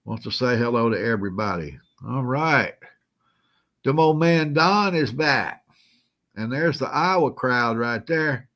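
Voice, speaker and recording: A man's voice: medium pitch, expressive, measured pace, a bit bright. A man hosting a casual live stream, greeting viewers by name in a folksy, chuckling way while feeling a little unwell. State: feeling unwell, moving slow.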